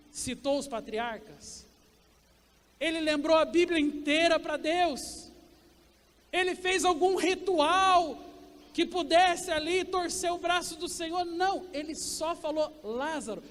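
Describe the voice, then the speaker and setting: Brazilian male pastor, very high voice, long church reverb, preaching with rhetorical questions. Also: slow. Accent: Brazilian Portuguese. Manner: preaching with rhetorical questions, swinging from loud to quiet. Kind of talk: sermon. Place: church sanctuary.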